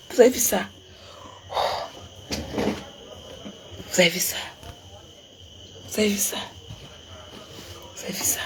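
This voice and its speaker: A woman's voice: on the low side, a little mellow, a little hiss or hum. A woman, effusively showing off gifts in a vlog and repeating her exclamations. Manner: effusive, repetitive, laughing exclamations. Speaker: social media personality. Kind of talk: excited unboxing vlog.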